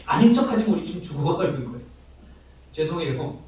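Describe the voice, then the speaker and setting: A male pastor preaching a sermon, telling stories with emotional swings between soft and loud. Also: big pitch swings, fast talker. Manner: emotional storytelling with dramatic swings in pitch and loudness. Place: church sanctuary. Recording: echoey church hall, distant mic.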